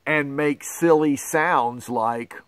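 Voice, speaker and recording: There's slight background noise as a middle-aged pastor reads a picture book to schoolchildren at a slow pace. His voice sits on the high side, and he plays up dismay and astonishment in a theatrical, exaggerated way.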